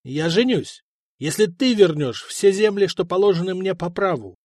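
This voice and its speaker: A male narrator plays a proud young prince, stubborn and mocking toward his father. His voice runs a little high, heard dry and close to the mic. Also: expressive, moderate pace, a little mellow, dry recording. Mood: defiant.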